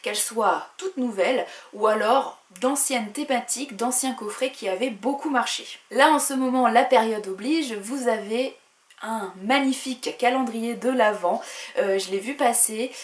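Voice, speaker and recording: Woman, book vlogger, casual unboxing chat, filler-heavy, slightly high voice, roomy echo. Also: normal speed. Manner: chatty, many "euh" and "voilà". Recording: echoey room.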